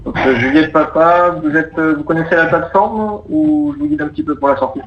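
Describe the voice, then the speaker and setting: A male controller with a fairly high pitch sounds animated and brisk while courteously giving procedural radio instructions and explanations to traffic. The audio is muffled and roomy, with faint noise.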